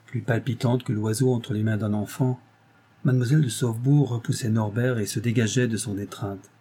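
A man narrating a classic novel as an audiobook, in a measured, expressive reading. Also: mid-range voice, breathy edge.

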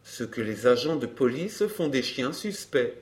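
A man reading a calm, reasoning gentleman. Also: mid-range voice. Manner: measured, explanatory. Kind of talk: audiobook character reading.

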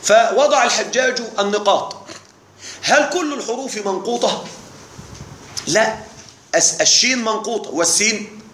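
A man's voice: sits high, moderate pace, long pauses, a bit bright, roomy sound, slight background noise. A man teaching an Arabic grammar lesson to a live class, explaining patiently, repeating key words and checking that the students are following.

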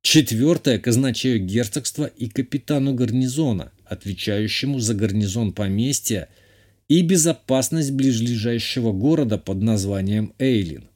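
A man reading a first-person audiobook in a measured, even way. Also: medium pitch. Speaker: audiobook narrator. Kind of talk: scripted first-person narration.

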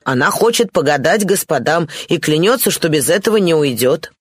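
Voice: medium pitch, expressive, normal speed, husky, dry recording, studio quality. A reader voicing a deferential, uneasy male footman reporting to his masters, in an audiobook.

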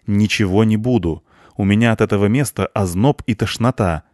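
A man voicing a gruff, snappish young female cleaner in an audiobook. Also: lowish voice, normal speed, a little mellow, no room sound, studio quality, natural voice. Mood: grumpy. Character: grumpy young female cleaner, sharp-tongued.

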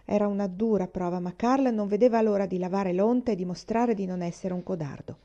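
A woman reading a children's novel aloud with steady narration. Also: mid-range voice, brisk, muffled recording. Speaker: audiobook reader. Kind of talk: storybook reading.

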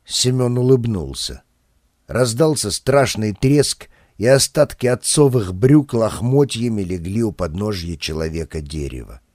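A man narrating an audiobook in a steady, expressive voice, close to the mic. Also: fairly low pitch, unhurried, no room sound. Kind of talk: scripted narration.

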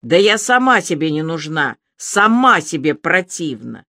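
Brief: a reader putting on a drunk, shrill young woman, despairing, slow and dry. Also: sing-song, fairly bright tone, dry recording. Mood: hysterical. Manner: shrill, ringing and strained.

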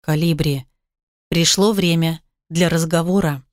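A woman voicing an earnest young man in love, speaking softly and tenderly in a read-aloud story. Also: low-pitched, steady tone, measured pace, no room sound, clean studio sound.

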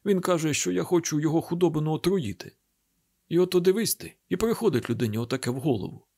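A bitter old village father rails at the world in a slightly high, husky voice, played by a man. He is grieving and reproachful, a weathered cattle healer in an audiobook drama. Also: expressive, quick pace, mellow. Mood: aggrieved.

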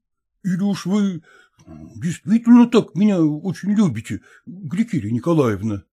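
A man's voice: high voice, lively intonation, mellow, slightly rough, pitched above the performer's own voice. A man voicing a fussy elderly professor who tries to placate and soothe the women around him. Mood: soothing. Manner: fretful, soothing, drawn-out pleading. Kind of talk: audiobook character reading.

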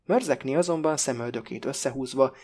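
Husky male audiobook narrator. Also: medium pitch, darkish tone.

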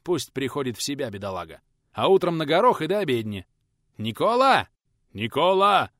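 A man voicing a stern, gruff elderly male teacher who scolds and gives orders but is kind at heart. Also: mid-range voice, big pitch swings, fast, dry recording, clean studio sound, voice pushed up, close to an everyday voice. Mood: scolding. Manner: gruff, commanding.

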